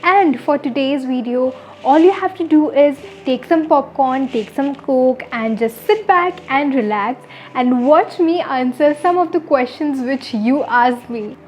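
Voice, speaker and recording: A woman's voice: high voice, measured pace, darkish tone, slight background noise. A woman in her early twenties with an Indian English accent, chatting upbeat to camera as she answers viewers' questions. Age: 20s. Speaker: vlogger, law student. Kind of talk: casual Q&A to camera.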